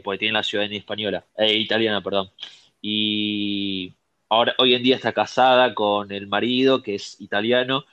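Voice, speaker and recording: A man's voice: fairly low pitch, fairly bright tone, lo-fi sound. A young man with an Argentine accent, talking bluntly and full of slang in a casual chat with friends. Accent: Argentine Spanish.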